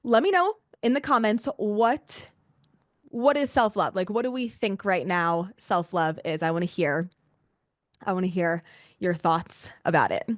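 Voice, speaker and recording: A woman's voice: lowish voice, a little slow, no echo, clean studio sound. A woman hosting a live online workshop in a casual, gushing, chatty way, with lots of "like" and repeated exclamations. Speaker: workshop host and coach. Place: live video-call session with a camera, indoors.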